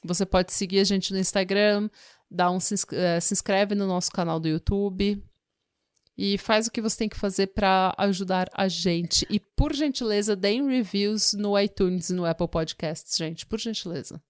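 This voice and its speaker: A woman's voice: mid-range voice, moderate pace, clear, resonant tone, no echo, clean studio sound. A Brazilian woman co-hosting a true-crime podcast, casual and sarcastic, given to rhetorical questions. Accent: Brazilian Portuguese. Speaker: podcast co-host.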